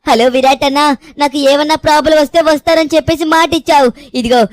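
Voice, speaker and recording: A woman voicing the cheeky little cartoon boy Shinchan, chattering in a high squeaky voice in a fan dub over game play. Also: fast, dry recording, close to an everyday voice. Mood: aggrieved.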